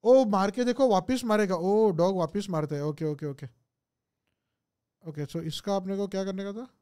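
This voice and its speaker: A man's voice: sits high, moderate pace, dark tone, smooth. A young man, streaming a game in a casual way, thinking aloud and answering viewers' comments with English phrases mixed in. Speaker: gaming streamer. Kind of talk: casual live gameplay chat.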